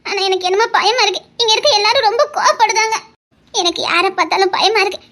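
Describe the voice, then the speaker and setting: A woman's voice: very high-pitched, fast talker, pushed and bright. A young woman in a Tamil drama playing a timid maid who stammers and sounds close to tears. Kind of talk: Tamil serial-style drama acting.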